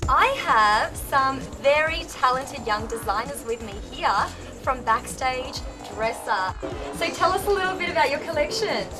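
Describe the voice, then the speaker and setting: A woman's voice: high-pitched, animated, moderate pace. A bubbly woman interviewing guests at a fashion event, laughing often. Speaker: fashion show reporter. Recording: music playing behind.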